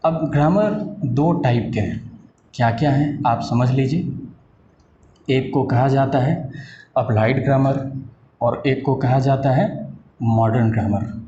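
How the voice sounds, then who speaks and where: A man teaching a patient, explanatory lesson, asking rhetorical questions and slowing down on key terms. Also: mid-range voice, mellow, slight background noise. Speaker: English teacher. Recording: echoey room, dull lo-fi sound.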